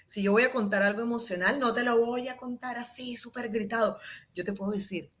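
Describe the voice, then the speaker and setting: Brisk and fairly high-pitched, the woman lays out her public speaking approach for an interviewer. She demonstrates by expressively moving between different volumes and tones.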